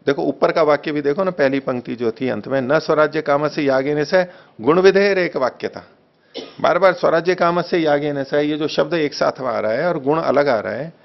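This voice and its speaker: A man teaching a text study class, reading a translation slowly, repeating phrases and correcting the wording patiently. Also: on the high side, vocal fry. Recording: dull lo-fi recording.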